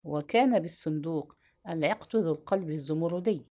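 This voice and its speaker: A woman's voice: deep voice, brisk, a little mellow. A woman reading the part of a proud young king, lovesick and stung, who answers with stern, scornful retorts. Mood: guarded.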